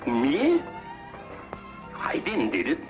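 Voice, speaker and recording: An actor playing an excitable comic male sidekick who speaks broken English with jumbled grammar. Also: fairly high pitch, very slow, full character voice. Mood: protesting. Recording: dull old TV soundtrack with music.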